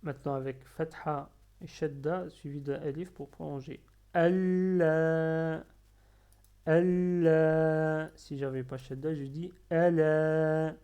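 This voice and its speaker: A man teaching Arabic letters step by step, patiently drilling syllables slowly and repeating them. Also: a little high, fairly even intonation, mellow. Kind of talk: slow step-by-step lesson.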